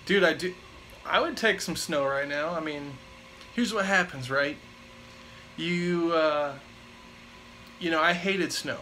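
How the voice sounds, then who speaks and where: A man's voice: a little high, takes it slowly, long pauses, a little hiss or hum, rough recording. A man in his twenties, chatting casually and rambling through live viewer questions with lots of fillers. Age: 20s. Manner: rambling, filler-heavy, relaxed. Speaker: vlogger answering live chat.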